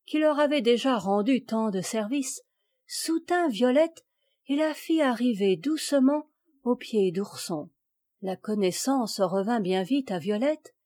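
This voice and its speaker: Slow, mellow woman audiobook narrator. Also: mid-range voice. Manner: measured, expressive storytelling. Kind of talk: scripted narration.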